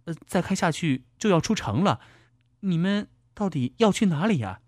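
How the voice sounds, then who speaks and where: Guy doing a scared young lady cabbie, high pitched, pleading fast, swoops all over, dry sound. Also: sing-song, darkish tone, no room sound. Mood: frightened, pleading. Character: frightened young woman taxi driver, quick-witted.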